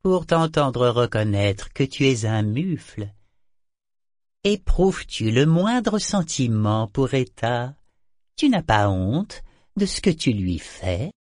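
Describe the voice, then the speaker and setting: A man's voice: medium pitch, big pitch swings, slow, no room sound, clean studio sound. A man voicing a talking amulet that needles its owner in a sardonic tone. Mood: mocking. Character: mocking talking amulet, male, sly.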